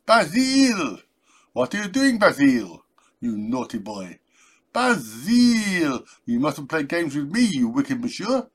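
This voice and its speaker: A man's voice: a little high, big pitch swings, takes it slowly, heavily acted. A man voicing a flamboyant Frenchwoman scolding her naughty boy, in an exaggerated French accent. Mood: mock scolding. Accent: put-on heavy French. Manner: theatrical, exaggerated swoops.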